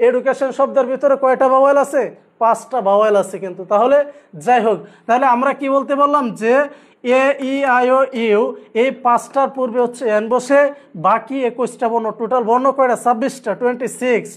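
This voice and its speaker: A man's voice: very high-pitched, fast talker. A man with a Bangladeshi accent teaching a live online English grammar class, asking questions and answering them himself, again and again. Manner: repetitive call-and-response questioning; keeps urging students to focus.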